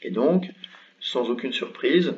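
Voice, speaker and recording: Man, mid-pitched, patient teacher walking through a lesson with lots of "euh", slightly dull lo-fi sound. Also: animated, slow, darkish tone, recorded from a distance, slight background noise. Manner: patient, explains step by step with many fillers. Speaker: Arabic script teacher. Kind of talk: online language lesson.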